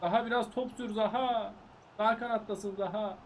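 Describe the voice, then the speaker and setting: High-voiced man yelling at a football game. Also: normal speed. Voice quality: high-pitched, animated. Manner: shouts at players, frustrated, breaks into excited yells. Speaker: gaming YouTuber. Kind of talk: excited live game commentary.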